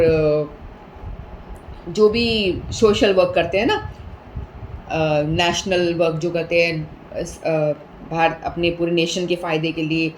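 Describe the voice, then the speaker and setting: A woman giving a patient scripture talk, mixing English words in and chanting Sanskrit verses slowly. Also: medium pitch, slight background noise, rough recording. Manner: patient, explanatory, repeats points with everyday examples; mixes English words into Hindi. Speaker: speaker explaining scripture.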